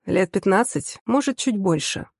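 A woman voicing a calm, teasing young man in an audiobook, speaking in a lowered, unruffled and dry good-humoured way. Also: normal speed, creaky, slightly rough, dry recording. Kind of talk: audiobook character voice.

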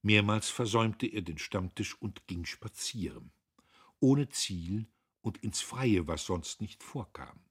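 A man with a husky voice narrating a classic novel as an audiobook, in an expressive, theatrical reading. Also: lowish voice, slow.

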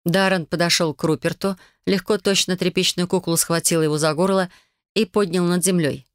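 An audiobook narrator telling a fantasy story in first person, lively and emotional. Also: mid-range voice, brisk, clear, resonant tone, no room sound, studio quality.

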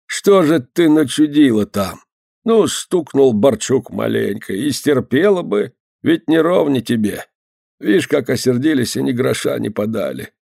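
A man voicing a meek, weary old organ-grinder in a storybook reading, soft and sighing. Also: medium pitch, big pitch swings, measured pace, vocal fry, no room sound, clean studio sound, voice pushed up, heavily acted. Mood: fretful.

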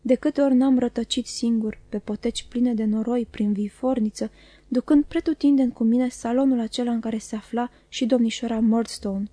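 A woman reading a classic novel aloud as audiobook narrator, calm and measured. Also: a little high, dry recording. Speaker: audiobook reader. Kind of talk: scripted narration.

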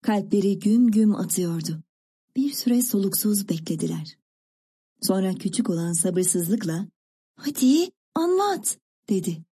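Husky, mellow-voiced woman narrator. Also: medium pitch, a little slow. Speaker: audiobook narrator. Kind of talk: scripted narration.

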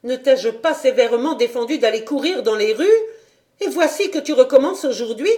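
A strict governess scolds in high, loud, indignant bursts, as a woman reading the audiobook puts her on. Her questions come sharp and pressing, pitched well above the reader's own voice. The storybook tone stays stern throughout. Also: animated, moderate pace. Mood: indignant scolding. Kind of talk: audiobook character voice.

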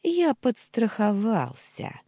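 A woman's voice: low-pitched, big pitch swings, measured pace, dark tone, no room sound, clean studio sound, exaggerated voice. A woman voicing a scheming, hysterical middle-aged uncle who shrieks and splutters in a storybook reading. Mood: gloating.

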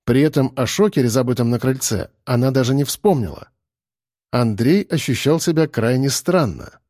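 Man, audiobook narrator, dark mellow voice, even measured reading, dry close sound. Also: mid-range voice, no echo. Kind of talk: scripted narration.

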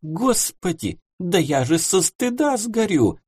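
A man's voice: high voice, sing-song, slow pace, darkish tone, husky, dry recording, studio quality, voice pushed up, heavily acted. A man doing a flustered, prim lady customer. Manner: gasping, flustered exclamations.

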